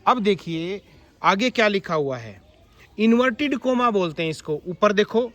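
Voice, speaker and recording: A man teaching young pupils in a classroom, asking them questions and slowly reading example sentences aloud. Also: high-pitched, expressive, a bit bright. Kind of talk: classroom explanation to children.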